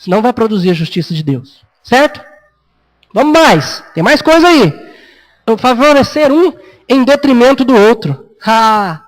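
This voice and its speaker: The audio is poor, and the man's voice is high-pitched. He's a pastor from Brazil giving an expository sermon in a chatty style with a Brazilian Portuguese accent, raising his voice as he acts out parents and kids.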